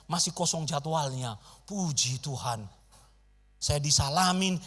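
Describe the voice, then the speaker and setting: Animated preacher, high voice. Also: male voice. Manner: animated, acts out dialogue with big swings in loudness. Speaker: pastor. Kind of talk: storytelling sermon.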